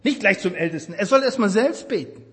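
High-voiced preacher in an echoing hall. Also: male voice, expressive, a little fast. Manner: impassioned, swinging between loud emphasis and hushed tenderness. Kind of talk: sermon. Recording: reverberant hall.

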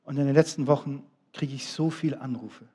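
Dark-voiced emphatic German preacher man. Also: medium pitch, steady tone, brisk, breathy edge. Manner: emphatic, shifts between loud appeals and quiet asides. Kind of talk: sermon.

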